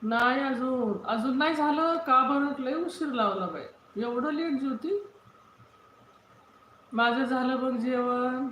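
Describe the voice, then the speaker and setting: A woman's voice: high voice, slow, a bit bright, a little hiss or hum. A woman hosting a casual livestream, chatting and reading viewer comments, greeting people by name and repeating her questions. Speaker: livestream host. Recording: roomy, dull lo-fi phone audio.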